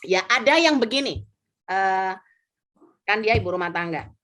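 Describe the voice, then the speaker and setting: A woman's voice: medium pitch, measured pace. A middle-aged woman, an insurance agency leader giving a motivational sharing talk, acting out quotes and mixing in English words. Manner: lively storyteller, acts out quotes, mixes in English.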